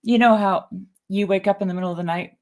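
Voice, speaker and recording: A woman's voice: mid-range voice, steady tone, fast talker, darkish tone. A woman, co-hosting a podcast and telling a rambling personal story in casual chat, restarting often. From Canada. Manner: chatty storyteller with frequent restarts and laughs. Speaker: podcast co-host.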